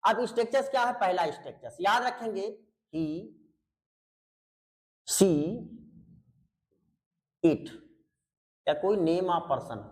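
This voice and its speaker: In an online English grammar lesson, a man with a high voice explains in Hindi, slowly and with frequent pauses, his pitch swinging widely. He drills points through repetition, asks students to respond, and patiently calls them beta. He's an English teacher, heard on a low-quality recording.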